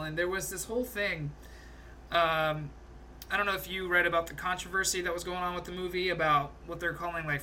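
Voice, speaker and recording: A young man with a very bright, forward voice, pitched a little high, chatting eagerly about a film he loved. He tells scenes in a loose, animated way, with plenty of laughs and the odd curse. A faint hiss of noise sits under the recording. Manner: animated, swearing, laughs a lot, recounts scenes. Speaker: podcast co-host. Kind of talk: casual movie review chat.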